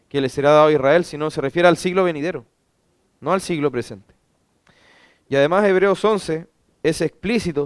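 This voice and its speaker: A man's voice: on the high side, smooth, no echo, studio quality. A man, a pastor, teaching a Bible class; he reads scripture aloud and asks rhetorical questions that he then answers himself.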